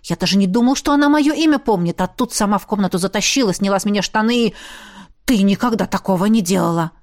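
A woman's voice: mid-range voice, quick pace, close to an everyday voice. A woman reading as a jealous hot-headed young man. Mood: pleading. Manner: pleading then shouting accusations. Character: jealous hot-tempered young male student.

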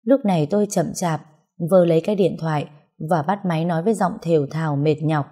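A woman narrating a first-person story in a calm, measured way. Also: low voice.

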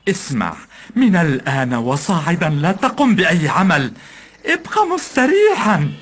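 A man's voice: on the high side, big pitch swings, moderate pace, a bit bright, breathy edge, pitched above the performer's own voice, exaggerated voice. A man voicing an exasperated middle-aged merchant who keeps insisting he is not angry while fuming. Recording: background music.

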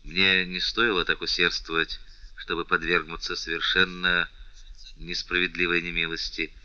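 A man playing a respectful, lovesick count who speaks with calm restraint, on a dull, dry recording. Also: fairly low pitch, moderate pace, no room sound. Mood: restrained respectful.

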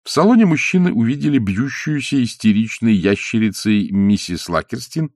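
A man narrating a novel as an audiobook in a measured reading. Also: mid-range voice, dry recording, studio quality. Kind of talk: scripted narration.

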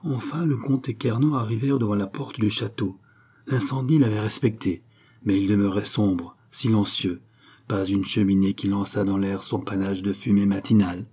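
A man narrating a historical novel in an audiobook reading, in a measured, dramatic way. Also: lowish voice, steady tone, mellow, breathy edge.

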